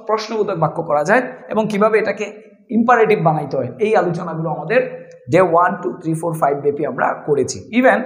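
A man's voice: sits high, echoey room, low-quality recording. A man teaching a spoken English lesson in Bengali, explaining step by step and spelling words out letter by letter.

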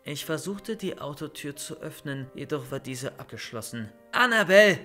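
A young man reading a first-person horror story as scripted narration, calm and steady. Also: mid-range voice, moderate pace, soft background music. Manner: calm storytelling, loud shouted calls in scenes.

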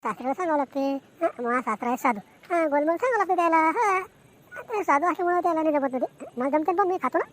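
In this amateur cartoon comedy, a woman voices a boastful, gabby village man with a rural Maharashtrian accent, repeating herself emphatically. Her pitch sits high and her delivery is expressive and fast, with a chatty, animated mood. Background noise is clearly audible.

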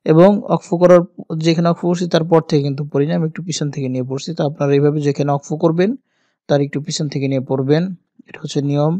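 A man with a fairly high but mellow voice, spelling out letters one at a time in a slow recitation lesson. He keeps his delivery flat and even, like a patient teacher. The sound is close and dry. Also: no room sound. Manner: spells out letters and vowel marks slowly, one by one; addresses viewers directly as teacher. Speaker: Quran reading teacher. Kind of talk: step-by-step Quran recitation lesson.

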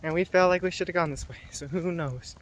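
A man's voice: fairly high pitch, a little fast, a little hiss or hum. A young man filming himself on a phone for a missionary vlog, chatting casually and joking as he goes. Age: young adult. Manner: excitable, joking, self-mocking. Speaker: missionary vlogger. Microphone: phone held at arm's length.

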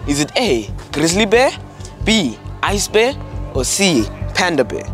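A man's voice: high-pitched, sing-song, unhurried, a bit bright. Youthful male presenter with music behind. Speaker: show presenter, quizmaster. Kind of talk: casual presenting. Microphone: lapel mic. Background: background music.

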